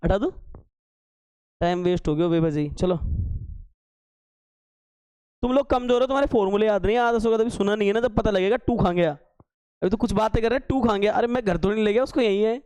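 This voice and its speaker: High-voiced teasing male math teacher. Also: fairly quick, pauses often, a little mellow, clean tone, no room sound. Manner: teasing, scolding students with sarcastic asides; works steps aloud, repeating key terms as questions. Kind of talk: classroom lecture at a board.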